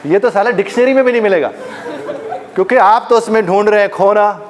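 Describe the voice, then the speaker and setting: A man's voice: high-pitched, fairly quick, some chatter behind. A man teaching a live workshop audience, demonstrating pronunciations and joking with the room. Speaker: life coach and trainer.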